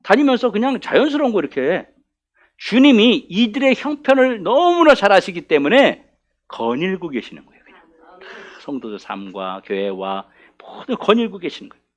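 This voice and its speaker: A man's voice: high-pitched, very animated, normal speed, lo-fi sound. A male pastor giving a conversational afternoon Bible study sermon in church, often putting questions to the congregation.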